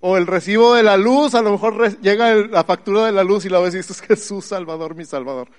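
A middle-aged Mexican man preaching a lively sermon, quizzing his congregation and swinging between loud calls and quiet asides. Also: high voice, quick pace. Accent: Mexican Spanish. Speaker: pastor.

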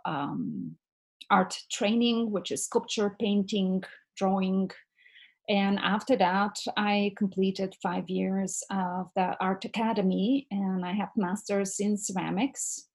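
A woman's voice: medium pitch, fairly even intonation, takes it slowly, creaky, a little mellow. A woman in her forties from Bulgaria, speaking with a Bulgarian accent as a ceramics teacher interviewed on a podcast. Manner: thoughtful, speaks with some fillers.

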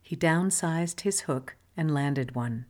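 Low-voiced woman narrating a wry essay. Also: takes it slowly. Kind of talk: scripted narration of a magazine essay.

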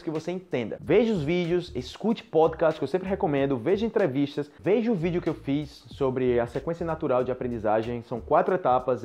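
Brazilian man, podcast language teacher, slightly high voice, direct conversational delivery, muffled sound with faint music under it. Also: a little mellow. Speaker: Portuguese teacher. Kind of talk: podcast lesson.

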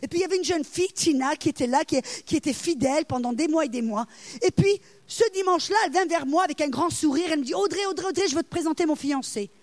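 A woman preaching a sermon, telling stories and acting out the voices of the people in them, now and then crying out loudly. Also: high-pitched, fast talker, no echo. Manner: animated, acts out voices, cries out loud. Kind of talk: sermon with storytelling.

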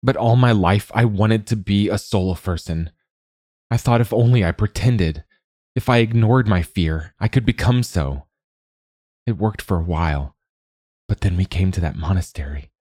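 A man's voice: sits low, darkish tone, dry recording, studio quality. A man voicing a frightened, ashamed young male warrior, speaking in a strained, pleading way.

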